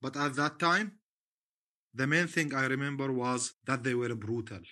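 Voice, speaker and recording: A man from Iraq gives measured testimony at a steady middle pitch. His tone is bright and forceful, and he speaks deliberately, in short emphatic phrases. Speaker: interviewee, witness.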